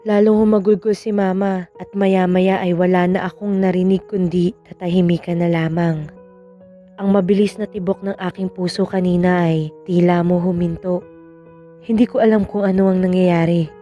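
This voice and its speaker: A woman narrating a scripted horror story in calm, measured first person. Her voice sits low and mellow, with soft warmth. Faint music runs underneath.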